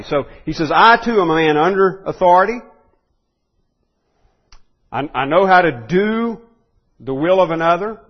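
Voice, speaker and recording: Male preacher, slightly high voice, earnest, halting restarts, muffled lo-fi recording. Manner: earnest, many restarts and ums, rises when stressing a point. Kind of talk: sermon.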